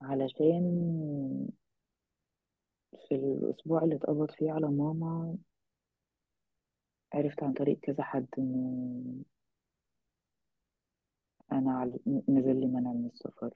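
A woman with an Egyptian Arabic accent giving a halting, reflective personal account as an interview guest. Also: sits low, lively intonation, slightly rough, no room sound. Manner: halting, reflective, with trailing phrases. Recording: thin, phone-like narrow-band sound.

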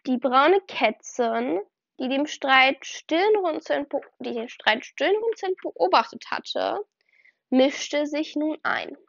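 Woman, high voice, story reading, dry close sound. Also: animated, slow, creaky, a bit bright, dry recording. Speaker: reader of own fan fiction. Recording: dull lo-fi recording.

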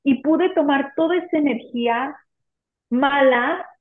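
The woman's emotional, earnest faith testimony comes in a high voice, a little slow, as she speaks as an interview guest. It's recorded in an echoey room on a tinny, phone-like line.

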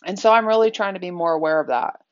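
A woman's voice: on the low side, fast, lo-fi sound. A woman speaking candidly in a reflective personal talk, conversational and full of fillers.

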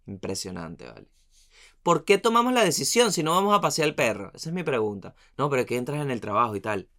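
A man's voice: mid-range voice, quick pace. Slangy Venezuelan man telling stories. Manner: animated, slangy and profane, trailing off into muttered asides. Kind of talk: comic storytelling monologue.

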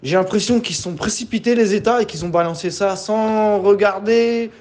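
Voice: mid-range voice, moderate pace, darkish tone. A speaker chatting casually with friends on a call, using street slang and telling stories animatedly. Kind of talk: casual chat.

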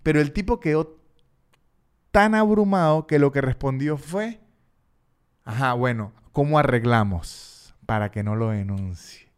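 A man's voice: medium pitch, measured pace, smooth. A young Venezuelan man hosting a podcast, telling a story casually, acting out the voices and repeating words for comic effect. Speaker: podcast host.

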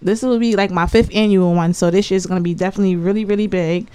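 Podcast guest: woman, twenties, easygoing slangy chatter, middle pitch, quick to laugh. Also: steady tone, warm tone, clean tone, no room sound. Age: 20s. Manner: laid-back, slangy, laughs often. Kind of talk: casual chat.

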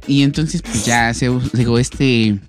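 A man's voice: mid-range voice, slow pace, faint music behind. A man with a Mexican accent retelling an old myth in a casual, slangy, crude way, like a friend telling a story among buddies.

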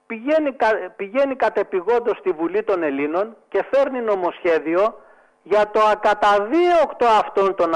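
A man's voice: high-pitched, poor audio. A man speaking as a guest on a radio talk show, emphatic and indignant, now and then mimicking the voices of advertisements. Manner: indignant, emphatic, breaks into mock voices of ads.

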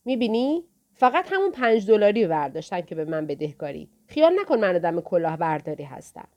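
A woman's voice: fairly low pitch, sing-song, darkish tone, muffled recording. A woman voicing a brash young female hustler who talks bossily and impatiently in a storybook reading. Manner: impatient, bossy.

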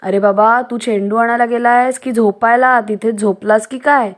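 An eager young hyena from a storybook, voiced by a woman. He speaks in a bright, raised voice and is quick to help. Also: medium pitch, expressive, lightly acted. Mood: shouting. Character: cheerful, helpful young male hyena.

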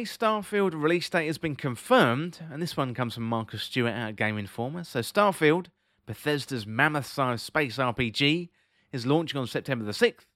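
A man presents a podcast in a scripted commentary and news-reading style. His voice sits at an average male pitch. The recording is very dry, with almost no room sound. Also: fairly bright tone, no echo. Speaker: host of a video game podcast.

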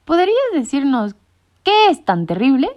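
A woman's voice: high voice, wildly swooping pitch, normal speed, voice pushed up. Woman doing a pompous bossy cat boss. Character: pompous old male cat leader, commanding. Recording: muffled lo-fi recording.

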